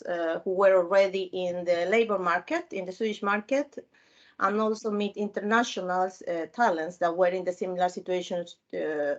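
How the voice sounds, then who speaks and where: A woman from Peru talks on a panel over a video call, and her audio comes through dull and muffled. She speaks haltingly, with many fillers and restarts, at a mid pitch. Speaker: panel guest, former mentee. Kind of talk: casual panel talk.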